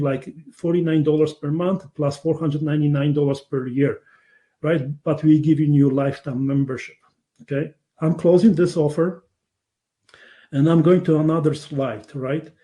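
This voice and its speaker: Online, a man with a somewhat high, mellow voice and a Polish accent hosts a webinar aimed at winning his audience over. Originally from Poland, he keeps turning to listeners with "right?".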